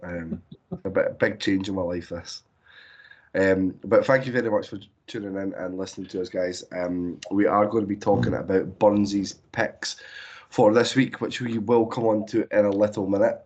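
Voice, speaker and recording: A man hosts a casual podcast chat with a deep, husky voice that is hoarse from a cold. He is laid-back and jokey and draws out his openings. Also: fairly even intonation, moderate pace, darkish tone, muffled recording. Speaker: podcast host.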